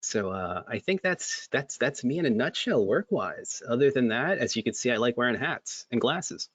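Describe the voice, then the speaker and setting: A male guest on a webinar, an MSP creative director, chats casually about his career with many restarts and fillers. His medium-pitched voice is animated, fairly bright and husky, at a moderate pace. There is no echo.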